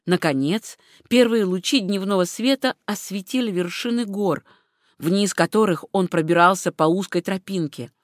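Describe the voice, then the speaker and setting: An audiobook narrator reading a historical adventure in a steady, measured way. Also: mid-range voice, no room sound, studio quality. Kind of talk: scripted narration.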